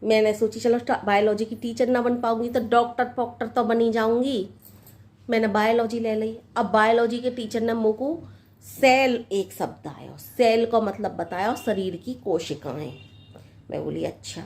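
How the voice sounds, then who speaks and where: A woman's voice: fairly high pitch, moderate pace, darkish tone, natural voice. A woman doing a naive village daughter-in-law. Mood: explaining. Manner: rustic village speech, coaxing and simple. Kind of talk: comic sketch acting.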